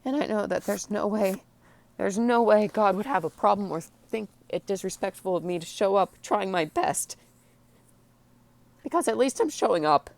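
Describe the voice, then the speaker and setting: A woman crying and very upset, venting personally in a blubbering, tearful, halting way. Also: medium pitch, expressive, creaky, darkish tone. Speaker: vlogger. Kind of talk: emotional personal vent to camera.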